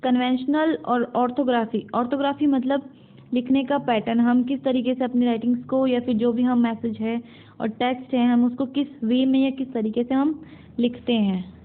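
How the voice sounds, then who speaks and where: Explaining a university English syllabus topic, a woman with an Indian accent goes through each point and then rephrases it, mixing Hindi with English terms and repeating herself. Her slightly high voice has little pitch movement and a moderate pace. The audio is narrow and phone-like, as though captured on a basic device.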